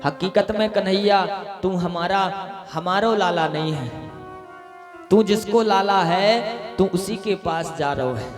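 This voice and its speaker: A man's voice: high-pitched, takes it slowly. A man voicing Yashoda, a pleading rustic mother. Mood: tender. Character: Yashoda, a tender grieving village mother. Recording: echoey hall with music behind.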